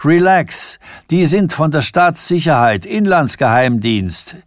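A man's voice: medium pitch, lively intonation, a little slow, dry recording, studio quality, natural voice. A man playing a cackling, scornful English banker. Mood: mocking.

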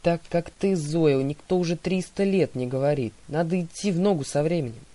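A man's voice: on the high side, brisk, mellow, pitched above the performer's own voice, lightly acted. A man voicing a blunt, grumbling teenage girl demigod.

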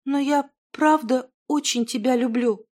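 A woman's voice: high voice, a little slow, a little mellow, voice pushed up. A woman voicing a timid, earnest young woman in love who talks shyly and pleads.

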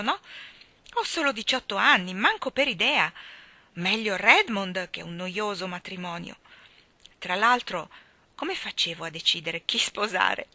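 A woman with a sharp, mid-range voice, recorded without echo, performs an audiobook character: a flighty, vain eighteen-year-old rich girl. Her reading is gushing and theatrical, full of swooping emphasis.

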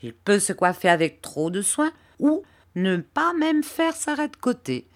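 A fussy, nosy landlady of middle age, motherly and sentimental, pressing her point again and again , as a woman reader puts her on. Her voice swoops up higher and louder than the narration, lively and insistent. An audiobook character read aloud. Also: unhurried. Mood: coaxing. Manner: sentimental, insistent, repeats herself.

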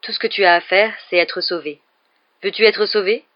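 A woman reading aloud and voicing a big, gentle, kindly man in a calm, soothing tone. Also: medium pitch, normal speed, dull audio, close to an everyday voice.

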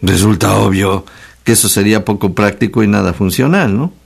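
A man with a Mexican accent hosting a casual radio talk, explaining spelling like a chatty teacher and slowly repeating the key words. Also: fairly low pitch, gravelly, husky. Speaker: radio host. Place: radio studio.

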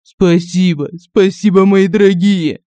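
A woman puts on a crafty male royal advisor who moans and pleads, overly gushing and theatrical. He sounds clear and smooth, a little low and mellow, and the recording is close and dry. It suits a comic fantasy audiobook. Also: moderate pace, dry recording, natural voice. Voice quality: whiny, theatrical groaning. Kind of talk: audiobook character voicing.

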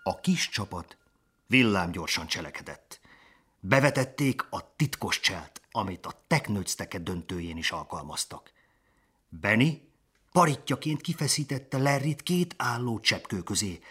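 A man narrating a children's storybook in an expressive, lively way. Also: fairly low pitch, slightly rough. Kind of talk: storybook reading.

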